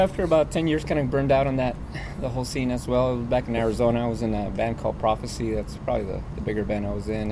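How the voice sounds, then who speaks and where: A middle-aged man, a keyboard player, relaxed and halting, telling how he came to the band. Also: fairly low pitch. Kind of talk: casual storytelling. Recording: outdoor street noise with passing traffic.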